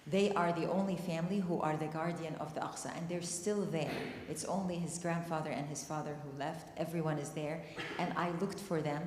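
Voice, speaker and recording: Her deep, slightly mellow voice moves fairly quickly with few pauses and fairly even intonation as this Palestinian woman tells a personal story on a panel. She is emotional, earnest and near tears at the community discussion. The church hall sounds echoey, with faint noise present.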